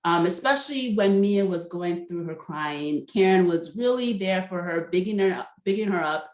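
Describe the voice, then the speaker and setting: A woman's voice: lowish voice, animated, moderate pace, darkish tone. A woman casually recapping a reality TV episode in a gossipy, chatty way, laughing often and asking her viewers what they think. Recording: roomy echo.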